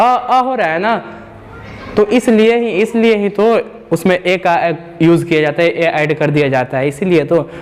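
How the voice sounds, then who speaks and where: High-voiced man teaching, drawing out sounds. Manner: repetitive, drawn-out sounds, asks rhetorical questions. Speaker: English teacher. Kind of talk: classroom lesson explanation.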